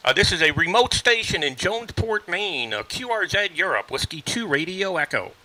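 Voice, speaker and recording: A man's voice: high voice, big pitch swings, moderate pace, pushed and bright, rough recording. A man chatting on the air as an amateur radio operator, friendly and full of fillers. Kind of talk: casual radio chat. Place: remote ham radio station.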